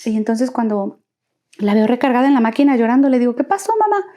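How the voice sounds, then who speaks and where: A woman's voice: a little high, fairly even intonation, quick pace, dark tone. A woman recounting her life story as an interview guest, earnestly acting out quoted dialogue.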